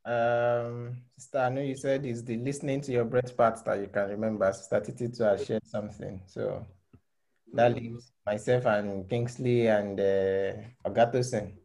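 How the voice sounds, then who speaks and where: A man's voice: medium pitch, level tone, moderate pace, mellow. A man leading an online discussion group over a video call, asking members to recap the last meeting. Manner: calls on people by name to recap.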